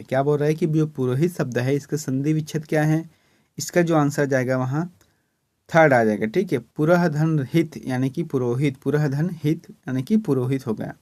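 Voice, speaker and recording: In a dry recording, a teacher from Chhattisgarh, India, speaks in a slightly high, somewhat mellow voice while guiding students step by step through exam questions, repeatedly checking in with "ठीक है", meaning "okay".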